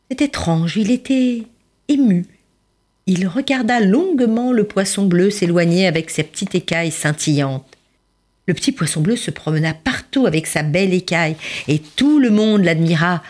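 A woman telling a children's story in an expressive, animated way with dramatic pauses. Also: mid-range voice. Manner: animated, dramatic pauses, voices rising and falling.

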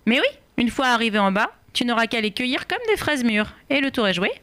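Woman playing a sly wheedling storybook author, fairly high voice, coaxing. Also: lively intonation, brisk, fairly bright tone. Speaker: guest reader.

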